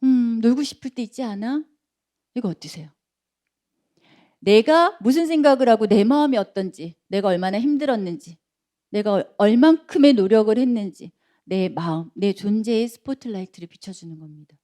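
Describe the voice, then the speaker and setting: A woman lecturer giving a public lecture, animated, acting out quotes and putting questions to her audience. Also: a little high, normal speed. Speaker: lecturer, counseling institute director.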